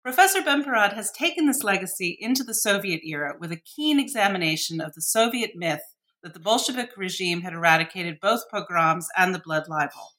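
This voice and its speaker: A woman hosts a podcast interview with a bright, clear voice. She reads her introductions formally and asks long, careful questions. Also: mid-range voice, lively intonation, brisk. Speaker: podcast host.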